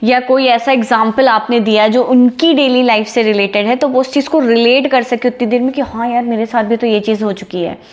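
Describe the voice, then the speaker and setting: High-voiced, lively woman speaking coach. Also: a little fast, few pauses. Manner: energetic, chatty, asks "ठीक है?" after each point. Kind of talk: casual teaching talk to camera.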